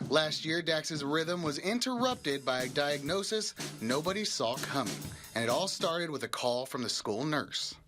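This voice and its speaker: A man's voice: on the high side, lively intonation, unhurried, music in the background. A man working as a television news reporter, narrating a scripted feature story.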